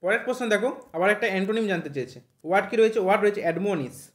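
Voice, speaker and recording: A man's voice: sits high, reverberant. A man teaching English vocabulary for an exam, often checking "right?" and spelling words out letter by letter. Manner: repeats "thik ache?" after nearly every point, spells words out slowly. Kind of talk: online vocabulary lesson.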